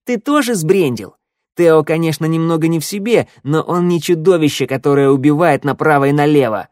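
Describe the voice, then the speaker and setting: A man voicing a shrill, scornful young woman. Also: fairly quick, a little mellow, dry recording, clean studio sound, close to an everyday voice. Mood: indignant.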